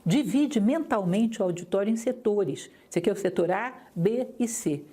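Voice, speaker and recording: A woman lecturer teaching public speaking, talking straight to her listeners with lively, varied intonation. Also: mid-range voice, normal speed. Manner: didactic, lively intonation, addresses listeners directly.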